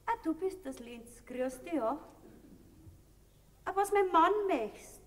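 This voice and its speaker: A scolding, indignant Bavarian farm wife and mother, her voice very high. It is a folk stage comedy heard from far off in a hall, with a long echo trailing her words. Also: expressive, slow pace. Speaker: stage actor. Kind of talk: folk theater comedy acting.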